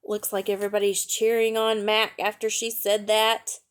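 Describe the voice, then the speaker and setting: She speaks at medium pitch with little movement in it, at normal speed, her tone clear and resonant. A storytime reader and teacher, she reads a picture book to young children, mixing in chatty comments, easy explanations and questions.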